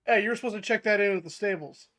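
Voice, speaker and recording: A man's voice: sits high, fast, sharp tone, no room sound, clean studio sound, voice pushed up. A man doing a stern, bossy town guard. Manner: curt, bossy orders.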